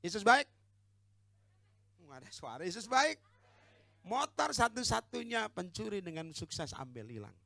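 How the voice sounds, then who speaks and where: An Indonesian man preaching with a high, bright, lively voice that leaps up and down in pitch. He calls for amens and teases his listeners, recorded dry and close. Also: a little slow, gravelly, long pauses, no room sound. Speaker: pastor. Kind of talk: sermon.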